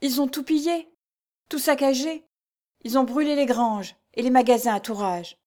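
A frightened young peasant girl who stammers and begs in a high, soft voice, as a woman reads her. She speaks in a tearful, imploring tone. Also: normal speed, lightly acted. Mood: tearful pleading. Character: pale, trembling young peasant girl, pleading. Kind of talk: storybook reading.

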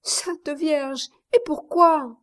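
A woman voicing a gentle young Spanish woman who speaks softly and reproachfully in a storybook reading. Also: sits high, steady tone, very slow, pitched above the performer's own voice, full character voice. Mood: pleading, proud. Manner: soft, reproachful delivery.

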